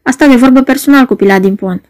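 Reading aloud from a storybook, a woman plays a young male poet in a state of agitation, shouting out excited protests. Her pitch is extremely high, and the recording has no room sound.

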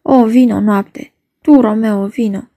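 A woman's voice: fairly high pitch, fairly even intonation, mellow, no room sound. A woman reading the part of a young girl longing for her beloved, in lyrical verse. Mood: yearning. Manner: lyrical, yearning delivery. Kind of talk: dramatic reading of a play.

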